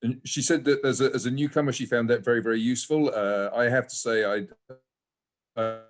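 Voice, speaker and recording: Committee member reporting by video call, hesitant and filler-heavy, mid-pitched man, feed glitching and dropping out. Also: fairly even intonation, normal speed. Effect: audio cutting out and freezing. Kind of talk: meeting report.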